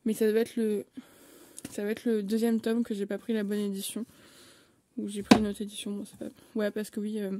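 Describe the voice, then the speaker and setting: A young woman vlogger chats casually at home on her phone while giving a bookshelf tour, her sentences full of hesitation fillers. She talks fairly quickly in a mid-range, monotone voice with a dark tone.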